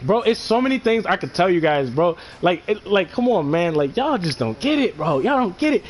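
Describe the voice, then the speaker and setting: A young man rants excitedly about a video game. His casual commentary is slangy and full of swearing. A faint noise sits under the recording. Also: sits high, a little fast. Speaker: gaming commentator.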